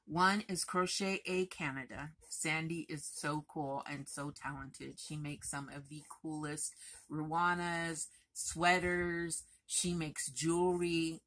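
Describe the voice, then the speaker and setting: A woman crochet vlogger talking in a chatty, rambling, expressive way to her viewers. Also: low-pitched, slow. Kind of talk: casual chatty vlog.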